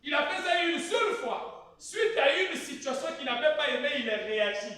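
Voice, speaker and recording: A pastor preaches with a very high, sharp voice. He drops to quiet asides, then shouts his points to the congregation. The sound comes from a distance and rings around a big echoey hall. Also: expressive, moderate pace. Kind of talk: sermon. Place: church hall. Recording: echoey church hall from far off.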